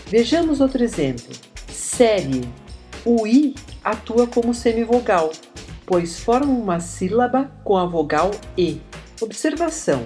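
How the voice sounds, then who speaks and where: A woman narrating a scripted grammar lesson, slowly spelling out example words. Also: fairly high pitch, big pitch swings. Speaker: teacher. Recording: soft music behind the voice.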